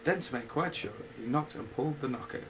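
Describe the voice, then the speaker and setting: A man reading a bedtime story aloud at an unhurried pace, with casual asides. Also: medium pitch, background noise. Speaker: reader.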